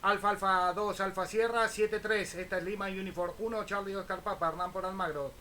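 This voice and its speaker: Making a casual ham radio contact, an amateur operator with a Buenos Aires Spanish accent spells his call signs phonetically. He speaks a little fast in a high, bright, forceful voice with a steady tone, and faint noise sits behind him.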